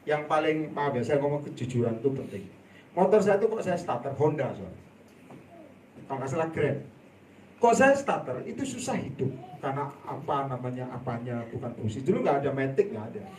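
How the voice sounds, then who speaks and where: A man preaching a sermon in a church hall, telling a story with laughter and sudden loud outbursts. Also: medium pitch, big pitch swings, brisk, a little hiss or hum. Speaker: evangelist preacher. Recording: echoey hall, voice from a distance.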